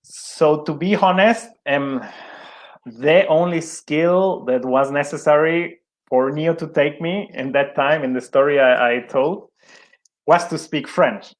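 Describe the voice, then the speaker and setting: A young sports event manager, not a native English speaker, is a guest in a conversational interview. His voice is a little high and slow, and he speaks hesitantly with lots of fillers and restarts, laughing at himself.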